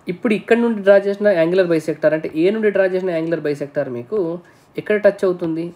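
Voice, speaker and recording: A man's voice: sits high, warm tone. A male teacher giving an exam-prep lesson, explaining step by step, often checking in with the viewer and mixing English technical terms into his speech.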